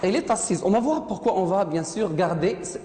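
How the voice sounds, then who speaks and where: A woman with a medium-pitched voice and lively intonation, speaking a little fast, teaches a French class, asking questions, repeating students' answers, and correcting their pronunciation. The classroom recording is echoey with loud noise.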